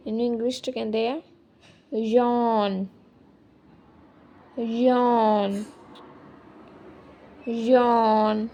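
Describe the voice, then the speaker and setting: A woman teaching English vocabulary, repeating each word slowly and saying the English words louder. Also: a little high, a little hiss or hum. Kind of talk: slow vocabulary lesson.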